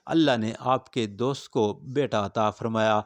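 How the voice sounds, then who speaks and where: A man's voice: lowish voice, no echo, voice pushed down, natural voice. A man voicing a ruler's wife who announces good news in a religious story. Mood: joyful. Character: joyful wife of a ruler, adult woman.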